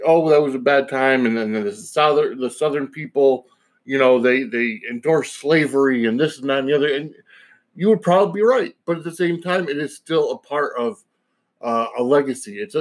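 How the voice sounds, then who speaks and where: A man's voice: medium pitch, moderate pace, poor audio. A man hosting a podcast alone, giving a casual opinion monologue in a rambling, digressive way. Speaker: podcast host.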